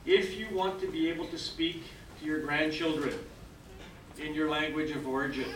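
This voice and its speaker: A slightly bright, steady voice on the high side, at a moderate pace, belongs to an older French-speaking Canadian encouraging a roomful of new citizens. He checks in repeatedly with "okay?". The large hall sounds echoey, with a distant mic and noise.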